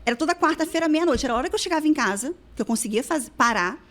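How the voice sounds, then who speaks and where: Woman from rio, talks super fast, kinda high voice, storytelling as a podcast guest. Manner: animated, acts out dialogue from her past. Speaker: guest, weight-loss therapist. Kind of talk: casual storytelling in a podcast interview.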